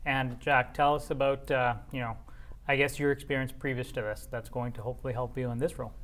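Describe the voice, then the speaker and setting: A man's voice: medium pitch, little pitch movement, fast talker, fairly bright tone. A man hosting a community TV interview, friendly and affirming, with frequent mm-hmms. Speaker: host.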